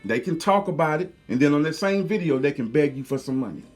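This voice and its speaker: Angry guy ranting at his viewers, high voice swinging all over, cussing, faint music behind. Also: expressive, quick pace. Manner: heated, profane, preachy, repetitive. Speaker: video commentator. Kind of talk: angry rant to camera.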